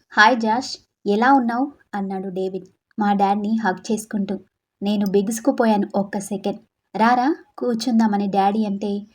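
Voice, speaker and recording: A woman narrating a dramatic story in a lively, expressive way. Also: medium pitch, husky.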